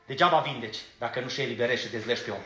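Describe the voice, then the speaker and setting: A man preaching a sermon in a church, emphatic and blunt, asking his congregation direct questions and sometimes stumbling over his words as he rushes. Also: medium pitch, bright, forceful tone, faint music behind. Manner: stumbles when rushing.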